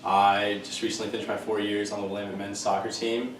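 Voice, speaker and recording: A man in his twenties from Southern California, answering interview questions in a measured, thoughtful way. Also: on the low side, little pitch movement, background noise. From Southern California, USA. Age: 20s. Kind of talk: casual interview. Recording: roomy sound from a distant mic with music.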